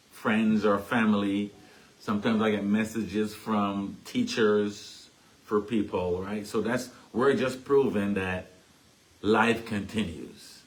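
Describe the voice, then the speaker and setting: A man's voice: on the low side, poor audio. A man with a Caribbean accent giving a casual teaching talk at a spiritualist church, chatty and tagging his points with "right?". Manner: chatty, keeps asking "right?".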